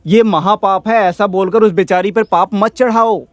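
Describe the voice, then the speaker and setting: An actor dubbing a stubborn, self-pitying old village money lender in a film. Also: male voice, sits high, steady tone, normal speed, dry recording, close to an everyday voice. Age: older. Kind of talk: dubbed film dialogue.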